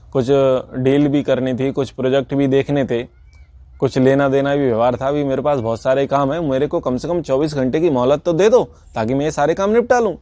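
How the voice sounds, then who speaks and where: A man's voice: medium pitch, mellow, no echo, natural voice. A man playing a frantic rich old merchant pleading for time. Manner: pleading, bargaining in rushed bursts.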